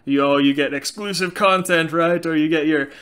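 A Norwegian man in his thirties with a slight accent hosts a casual Q&A for his channel from a small room. He talks frankly and animatedly, gesturing a lot, in a smooth, somewhat high voice at a moderate pace.

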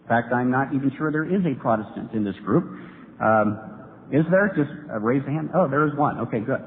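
A man's voice: mid-range voice, expressive, fairly quick. A man giving an earnest debate speech to a live audience in a large hall, building to emphatic points. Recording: tinny lo-fi hall recording with hiss.

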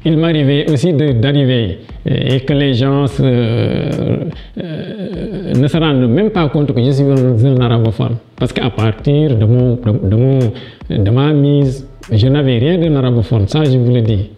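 Wearing a lapel mic in an indoor office with a large window, a gravelly middle-aged Senegalese man gives interview answers and personal anecdotes as a guest education official. His mid-range voice is mellow, with a Senegalese French accent. Halting restarts and repeated words mark his speech, though he livens up in stories.

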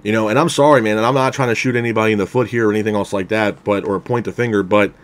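A man's voice: on the low side, fairly even intonation, very fast. A man giving a casual spoken review of a wrestling show, candid and opinionated, padding his talk with "you know" and "man". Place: unseen, voice over a title card.

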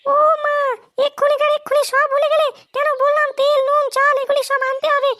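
A woman's voice: monotone, a little fast. A woman voicing an angry, nagging young wife who scolds her husband in a cartoon. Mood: scolding. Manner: scolding, shrill, demanding. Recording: loud background music.

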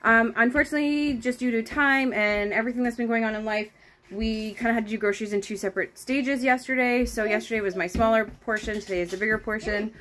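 Slightly high, steady and a bit bright, a quick-paced Canadian woman in her thirties talks casually through a home grocery haul. Filmed close on a phone in her kitchen, this vlogger rambles with many ums and speaks aside to her kids.

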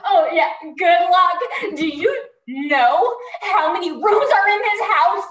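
An actress playing a scheming housekeeper and thief, grumbling and sarcastic, over a video call. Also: female voice, extremely high pitch, slow pace, fairly bright tone, roomy sound, far from the mic, exaggerated voice, low-quality recording.

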